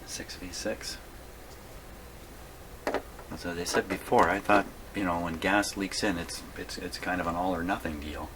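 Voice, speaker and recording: This deep-voiced man keeps his intonation fairly even and his pace measured, leaving long pauses. He's hosting a casual repair video in his home radio workshop, thinking aloud and muttering to himself over the electronics. The audio comes through clearly over background noise.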